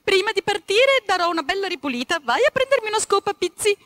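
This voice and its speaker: A woman voicing a bossy, loud middle-aged wife who gives orders in a high voice. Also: very animated, quick pace, dry recording, heavily acted.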